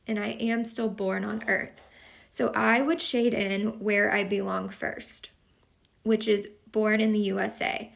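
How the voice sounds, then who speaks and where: A woman's voice: a little high, creaky. A woman teacher from Texas explaining a lesson patiently, step by step, as a voice-over for a whiteboard video. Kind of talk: slow explanatory lesson narration.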